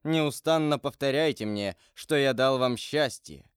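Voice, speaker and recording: A man reading an audiobook aloud and voicing an ardent young man who speaks slowly and from the heart. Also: mid-range voice, clear, resonant tone, dry recording, studio quality, close to an everyday voice. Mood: heartfelt. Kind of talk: audiobook character voice.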